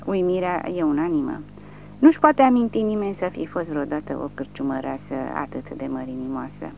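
Woman reading an audiobook, really low voice, dull lo-fi audio with faint hum. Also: vocal fry. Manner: steady, vivid storytelling. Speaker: audiobook narrator. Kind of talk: dramatic audiobook narration. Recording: lo-fi audiobook recording.

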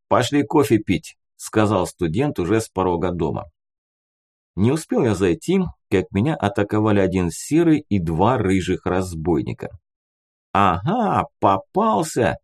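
A man narrating a first-person audiobook in steady, expressive storytelling. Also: lowish voice. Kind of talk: audiobook narration of a fantasy novel.

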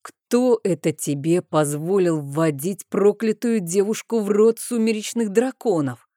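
A woman reading an audiobook, voicing a furious, scheming middle-aged male dragon uncle who shouts with venom. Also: lowish voice, big pitch swings, slow, no room sound, clean studio sound, full character voice.

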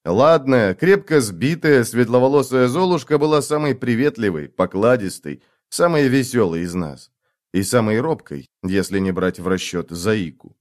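A man narrating a dramatic audiobook in an expressive, first-person storytelling manner. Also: mid-range voice, moderate pace.

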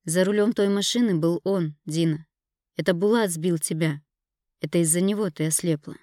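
A woman's voice: fairly low pitch, moderate pace, warm tone, no room sound, clean studio sound, lightly acted. A woman reading an audiobook, voicing a spiteful, scornful young woman who mocks and accuses her rival. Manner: mocking, accusing. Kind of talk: audiobook character voice.

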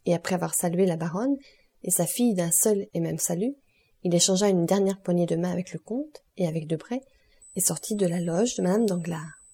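A woman reading a classic novel aloud as an audiobook, in steady scripted narration. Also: lowish voice, fairly quick, breathy edge. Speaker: audiobook reader.

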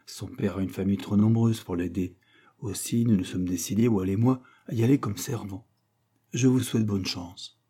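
A man's voice: lowish voice, steady tone, normal speed, warm tone, breathy edge. A man voicing an earnest, determined young student in an audiobook. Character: eager young man, poor student set on university.

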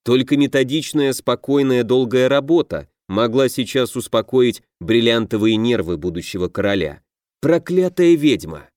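A man reading a fantasy audiobook in a measured storytelling manner. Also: medium pitch, a little mellow, dry recording, clean studio sound. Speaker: audiobook narrator. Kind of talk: scripted fantasy narration.

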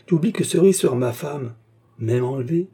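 Voiced by a man, a scheming workman talks in a guarded, mysterious way in a storybook reading. His tone is dark and husky, with a hushed, close feel. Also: medium pitch, expressive, a little fast. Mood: sly guarded. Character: scheming sly male fellow worker.

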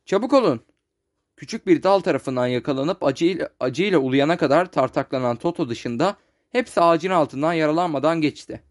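Man reading a storybook, higher voice. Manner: steady storytelling, slows for descriptions. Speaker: narrator. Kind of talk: audiobook narration.

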